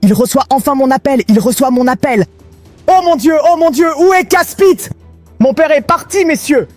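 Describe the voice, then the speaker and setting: Very high-voiced man in panicky commentary. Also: expressive, moderate pace, darkish tone, dry recording, soft background music. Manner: panicky, exclaiming, constantly addresses viewers. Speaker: gaming video host. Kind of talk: excited gameplay commentary.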